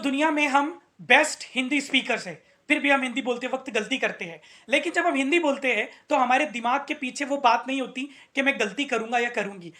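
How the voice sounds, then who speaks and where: A man's voice: extremely high pitch, fairly bright tone. A male English teacher giving a motivational video lesson, earnest, repeating his key points and asking rhetorical questions.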